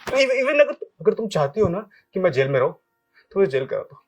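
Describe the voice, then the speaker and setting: An actor as a sobbing, begging husband. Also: male voice, sits high, sing-song, normal speed, heavily acted. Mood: desperate. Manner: stammering, pleading, sobbing. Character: remorseful husband begging his estranged wife. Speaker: actor in a short drama. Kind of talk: melodramatic acting. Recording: faint music behind.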